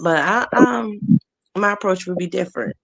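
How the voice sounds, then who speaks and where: A woman's voice: medium pitch, normal speed, creaky, fairly bright tone. A woman in her forties hosting a casual live talk show, chatting, laughing often and greeting viewers as they join. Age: 40s. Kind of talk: casual chat.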